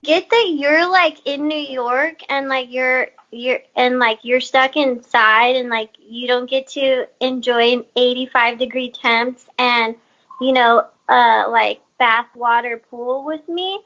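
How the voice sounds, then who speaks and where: A woman with a high voice talks in a relaxed, hesitant way, trailing off and filling gaps with "like" and "um". She chats over a video call in loose comedic banter. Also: slow pace, lo-fi sound. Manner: laid-back, hesitant, many fillers.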